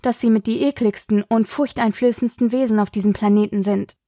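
A woman reading an audiobook, voicing a calm, dryly joking mother. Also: a little high, brisk, no echo, clean studio sound, close to an everyday voice. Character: wry, patient mother driving her daughters.

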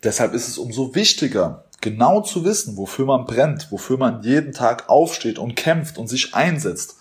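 Guy doing a motivational podcast, earnest coaching tone, normal mid pitch. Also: big pitch swings, normal speed. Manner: earnest, coaching tone addressing the listener directly. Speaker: podcast host.

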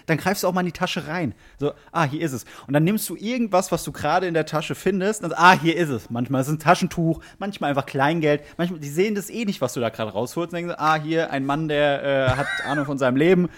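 A man with a fairly high voice chats casually on a podcast. He tells a story with animated acting of his own reactions, moving quickly from murmured asides to bright exclamations. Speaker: podcast co-host. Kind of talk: casual chat, anecdote telling.

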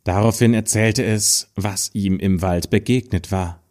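A man reading an old fairy tale aloud in a storytelling style. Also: on the low side. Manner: slow, lively storytelling, raising his voice for quoted figures.

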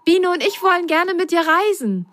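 A woman voicing a young male sock who is eager and excitable in a children's storybook reading. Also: very high-pitched, normal speed, slight background noise, voice pushed up. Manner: excited, bubbly.

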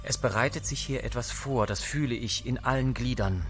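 A man voicing a grim, resolute schemer who gives orders in a forceful, raised voice. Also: medium pitch, normal speed, close to an everyday voice. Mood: urgent.

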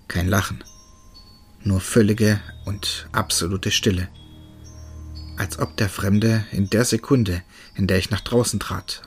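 Husky low-voiced male horror narrator. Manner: steady, tense first-person storytelling. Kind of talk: scripted horror story narration.

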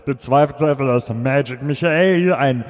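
A man's voice: mid-range voice, darkish tone, big-room sound, voice pushed down, lightly acted. A man voicing a showy male stage magician who speaks theatrically and draws out his words. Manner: theatrical, drawn-out.

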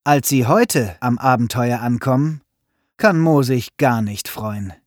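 A man narrating a children's story in an expressive, storytelling manner. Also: mid-range voice, takes it slowly, no room sound, studio quality.

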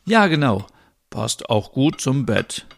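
A man's voice: mid-range voice, sing-song, slow, creaky, pitched above the performer's own voice, full character voice. A man doing a gushing young woman. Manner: gushing and soft-hearted. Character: sweet, easily charmed young woman. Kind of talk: voicing characters in a narrated story.

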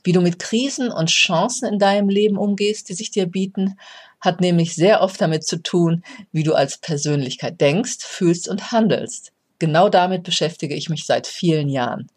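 A podcast host speaking straight to the listener in a reflective, explanatory monologue about resilience. The voice sits at a middle pitch and keeps an even, motivational tone. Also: moderate pace.

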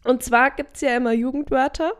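A woman's voice: high-pitched, steady tone, a little fast. A woman in her thirties co-hosting a casual chat podcast, chatty and teasing, often laughing. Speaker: podcast co-host.

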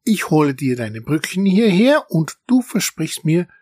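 A man's voice: sing-song, measured pace, a little mellow, breathy edge, no room sound, studio quality, exaggerated voice. A man voicing a small, cheeky and clever male mouse in a children's story, raising his voice to sound small and impish. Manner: giggly, cheeky, higher storybook voice.

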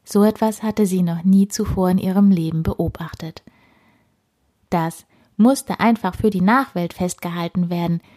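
A woman reading a children's story aloud in a soft, hushed storytelling manner. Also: on the low side, moderate pace.

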